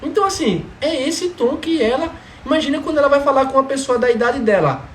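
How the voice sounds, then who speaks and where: This father talks fast in an extremely high voice, recounting his family in a casual, emphatic testimony. His delivery is animated, and "entendeu?" keeps coming up as he checks he's followed. The room is echoey with faint background noise.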